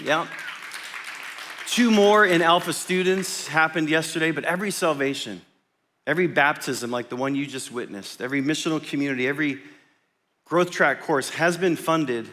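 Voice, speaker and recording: A man's voice: on the high side, a bit bright. A man speaking as a pastor in a motivational pep talk to his congregation, emphatic and informal, repeating himself and asking rhetorical questions. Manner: informal, checks in with listeners. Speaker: pastor addressing his church.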